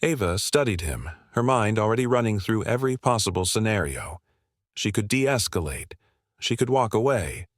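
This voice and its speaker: A man narrates a scripted dramatic story in a steady, even reading. His voice sits on the low side and sounds dry and close, with no room around it. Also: moderate pace, no echo.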